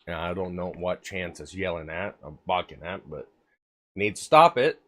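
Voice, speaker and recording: Low-pitched and animated, with a slightly bright tone and a moderate pace, a streamer talks live over a desk microphone. He's got a cold and keeps coughing, and his casual rambling is full of fillers plus the odd curse.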